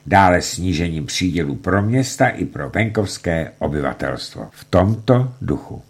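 A man with a low, husky voice reads a documentary narration in a declamatory manner. His delivery swings widely in pitch as he voices quoted reports and outbursts. The tone is grave and dramatic throughout. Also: big pitch swings.

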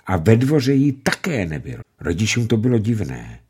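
A man narrating a classic story aloud in a measured, expressive way. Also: fairly low pitch, husky.

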